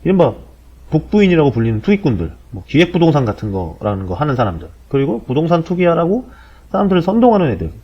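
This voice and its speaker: A man's voice: big pitch swings, fast talker. Blunt man in his forties, lo-fi audio. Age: 40s. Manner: blunt, sardonic, slangy. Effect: low-quality compressed audio. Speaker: podcast host. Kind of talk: casual explanatory monologue. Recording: dull low-bitrate lo-fi audio.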